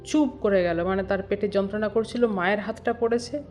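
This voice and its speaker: A woman co-hosts a devotional discussion and talks in a lively, chatty manner. She explains each point with homely examples in a mid-range voice. Soft music runs underneath. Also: mid-range voice, fairly quick. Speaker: co-host. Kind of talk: conversational discussion.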